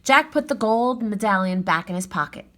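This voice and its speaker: A woman reads a children's story aloud in an expressive style, her voice mid-range and her speed normal.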